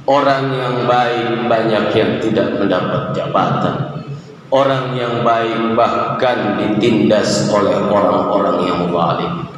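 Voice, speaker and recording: A man's voice: on the low side, steady tone, takes it slowly. A man in his thirties giving a Friday sermon, building repeated parallel phrases that rise for emphasis and chanting verses melodically. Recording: echoey hall with faint hiss.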